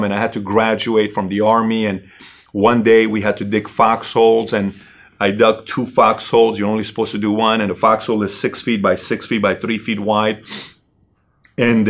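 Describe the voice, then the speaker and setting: A middle-aged Iranian man who is a company CEO tells his personal story haltingly, with many fillers and restarts. His voice is on the low side.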